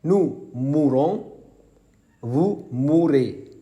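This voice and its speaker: A man reciting verb conjugations slowly and clearly as a language teacher. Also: a little high, expressive, warm tone, dull audio. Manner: slow, deliberate, enunciated recitation. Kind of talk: slow conjugation drill.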